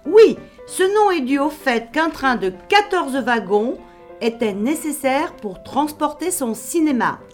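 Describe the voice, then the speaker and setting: A woman's voice: high-pitched, expressive, a little slow, faint music behind. A woman reading scripted narration for a radio serial.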